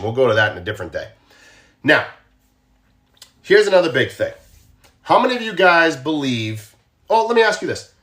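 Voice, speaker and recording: A man's voice: a little high, fairly bright tone. A man with a Boston accent, a former police officer, talking casually to viewers on a livestream and often asking them questions. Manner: conversational, asks viewers questions, repeats himself. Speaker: true crime live streamer, former law enforcement.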